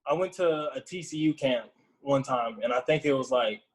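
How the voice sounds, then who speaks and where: A young man talking casually as a podcast guest, relaxed and rambling with lots of filler words. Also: mid-range voice, normal speed, poor audio. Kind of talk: casual chat.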